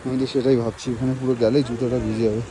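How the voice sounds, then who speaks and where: A man with a Bengali accent vlogging from a snowy mountain pass. He talks slowly and is short of breath from the altitude, with a dry throat, breaking into excited exclamations. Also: medium pitch. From Bengal, India. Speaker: travel vlogger. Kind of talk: casual vlog walk-and-talk. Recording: wind noise on the mic outdoors.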